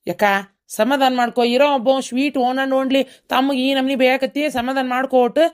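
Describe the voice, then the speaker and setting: A woman's voice: high-pitched, flat delivery, fairly quick, natural voice. Woman voicing a grumbling henpecked husband. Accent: North Karnataka Kannada. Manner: complaining, whiny grumbling. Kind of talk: cartoon comedy voice acting.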